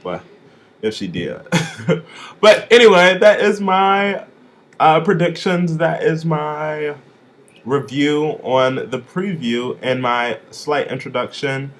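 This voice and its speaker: A young man from Chicago giving a casual, sassy vlog review, with swooping, expressive emphasis on his catchphrases. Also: medium pitch, a little hiss or hum. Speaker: vlogger reviewing drag contestants.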